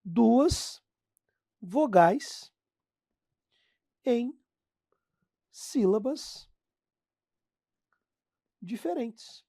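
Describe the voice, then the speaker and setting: A Brazilian woman teaching a grammar lesson, talking straight to her class and drawing out example words slowly. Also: fairly high pitch, gravelly, slightly rough, no room sound, studio quality. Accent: Brazilian Portuguese. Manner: lively, talks to the class as "pessoal", drags out example words slowly. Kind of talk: classroom lesson explaining phonetics.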